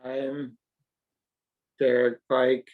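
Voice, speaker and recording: A man speaking slowly and haltingly with long pauses, introducing himself on a video call. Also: medium pitch, completely flat delivery, narrow, tinny audio. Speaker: caucus member.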